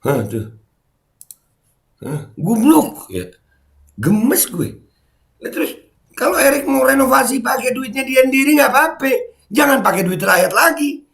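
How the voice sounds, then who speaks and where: A middle-aged man, heated and mocking, ranting as a commentary YouTuber and shouting when angry. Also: extremely high pitch, very animated, normal speed, gravelly.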